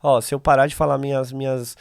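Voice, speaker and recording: A Brazilian man, a voice company CEO, appears as a podcast guest in a conversational interview, explaining ideas casually with practical examples. His medium-pitched voice moves little in pitch, runs at a quick pace, and carries vocal fry. The recording is studio quality with no echo, and he has a Brazilian Portuguese accent.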